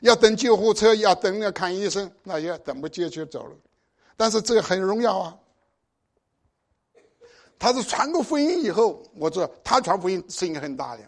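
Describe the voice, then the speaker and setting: High-voiced older preacher, exhorting. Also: male voice, animated, normal speed. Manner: exhorting, with pointed rhetorical questions. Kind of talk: sermon.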